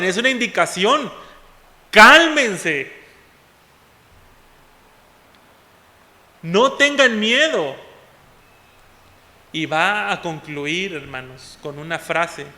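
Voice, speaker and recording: A man preaching a sermon as pastor, often calling out to the congregation as "hermanos" and moving between loud and soft passages. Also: a little high. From Mexico. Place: church hall. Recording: long hall reverb.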